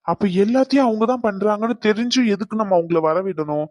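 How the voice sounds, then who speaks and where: A woman voicing a slow-witted young son who keeps asking puzzled questions. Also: medium pitch, animated, a little mellow, dry recording, pitched below the performer's own voice, close to an everyday voice. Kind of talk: cartoon dub voice acting.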